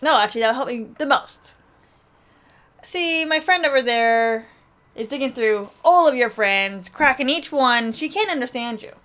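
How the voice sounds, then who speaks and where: A woman's voice: sits high, lively intonation, moderate pace, fairly bright tone. A woman playing her character in a tabletop role-playing game, teasing and joking. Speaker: player.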